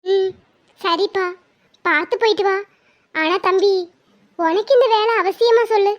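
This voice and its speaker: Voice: extremely high pitch, measured pace. A performer voicing an elderly, doting grandmother in a cartoon. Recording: dull lo-fi sound.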